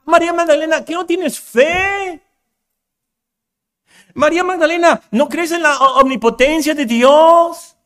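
A man voicing an impatient, scolding figure who hurls loud, drawn-out reproachful questions. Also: very high voice, pitched above the performer's own voice. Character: impatient scolding male preacher-imagined Jesus.

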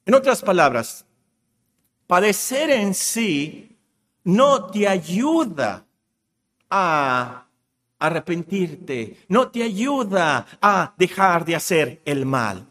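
A man preaching with emphatic, repeated phrases and a solemn, slow reading of scripture. His voice sits fairly high for a man, and a long reverb trails each phrase, as in a church hall. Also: sing-song, fairly bright tone. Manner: reads scripture slowly and solemnly; emphatic, repeats words for stress. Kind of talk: sermon.

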